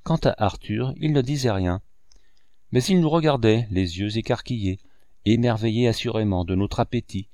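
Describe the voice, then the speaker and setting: Low-voiced man narrating a novel. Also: dark tone, no echo, studio quality. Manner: measured, storytelling delivery. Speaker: audiobook narrator. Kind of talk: scripted narration of a classic novel.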